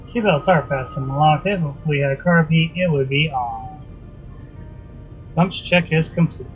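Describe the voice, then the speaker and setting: Give me a slow-talking man making pilot headset calls. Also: a little high, highs cut off, faint music behind. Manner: reads back tower calls and checklist items like a pilot. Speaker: flight sim streamer playing a pilot. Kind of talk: casual game commentary with pilot radio calls.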